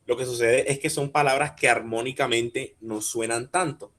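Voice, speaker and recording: A man leads a workshop lecture over a video call, with a voice in the middle of the male range. He is patient and methodical, breaking words into syllables slowly. He stops often to ask listeners questions and check that they follow. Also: medium pitch, fairly even intonation, fairly bright tone. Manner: patient, explains step by step, spelling out syllables slowly; asks the audience questions and checks understanding. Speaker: workshop speaker teaching rhyme.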